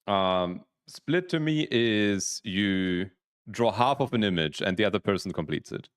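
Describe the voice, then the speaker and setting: A man's voice: on the low side, animated, measured pace, clear, resonant tone, dry recording, clean studio sound. Rambling young man streaming. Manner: rambling, restarts, explaining rules to chat. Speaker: streamer, PhD student. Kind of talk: casual livestream chat.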